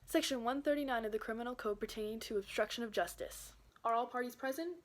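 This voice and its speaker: A woman's voice: fairly high pitch, quick pace, close to an everyday voice. A woman playing a judge who gives formal instructions to a jury in an amateur courtroom role-play. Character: formal female trial judge. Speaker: judge in a mock trial.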